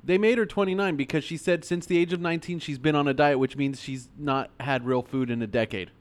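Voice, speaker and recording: A man's voice: fairly high pitch, fairly quick. A man discussing films casually as a podcast co-host, explaining his points insistently.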